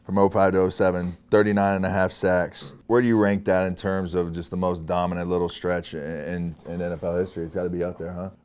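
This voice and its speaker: A man in his thirties with a very deep, level voice, hosting an interview. He asks his questions quickly and smoothly, in a brisk, conversational manner. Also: level tone, darkish tone. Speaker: podcast host.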